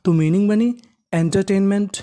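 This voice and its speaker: A patient reading teacher with a mellow tone works through English spellings one letter at a time. Each new sound gets a quick question and an immediate answer, repeated for drilling, at a mid pitch. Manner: slow, repetitive spelling out of letters. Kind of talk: step-by-step phonics lesson.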